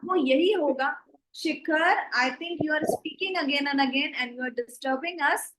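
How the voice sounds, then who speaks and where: A woman with a high voice teaches a class online, talking into a computer mic. She moves between Hindi and English as she explains points and tells the class what to do. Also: very slow, background noise. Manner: mixes Hindi and English, gives instructions.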